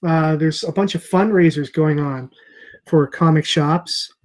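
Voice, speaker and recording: On the high side and a little mellow, this man speaks at a measured pace. He's a comic shop owner in his thirties hosting a casual video call from a room at home on an earphone headset mic, rambling a bit with plenty of fillers and restarts.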